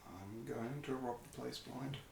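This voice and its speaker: A man at a tabletop game, declaring his moves flat and matter-of-fact in a gravelly, creaky voice. The room echoes and loud noise runs underneath. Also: medium pitch, unhurried. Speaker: player. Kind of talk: casual tabletop banter.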